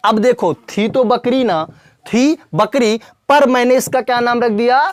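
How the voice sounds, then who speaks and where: A man's voice: very high voice, measured pace, no room sound. A man teaching English grammar in a classroom lesson, repeating points and quizzing the viewer with questions, calling them brother and child.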